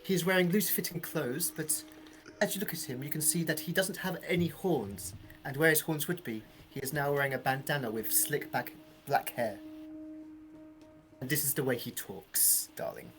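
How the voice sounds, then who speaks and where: A man's voice: fairly high pitch, a little fast, over music. A man casually describing his tabletop game character. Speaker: player.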